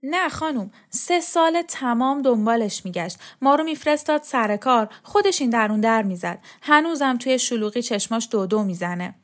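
A woman voicing an anxious young girl who pleads in hurried, tearful bursts in an audio storybook. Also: fairly high pitch, animated, pitched above the performer's own voice, natural voice. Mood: anxious pleading.

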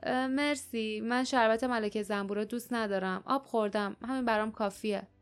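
A woman narrator voicing a brave young female fighter who speaks quietly but defiantly in a storybook reading. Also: on the high side, steady tone, clear, resonant tone, faint music behind, lightly acted. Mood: polite.

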